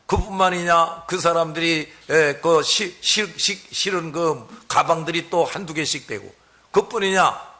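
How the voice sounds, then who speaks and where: A man's voice: a little high, bright, forceful tone. A middle-aged man pastor giving a folksy sermon on hymn lyrics, full of rhetorical questions.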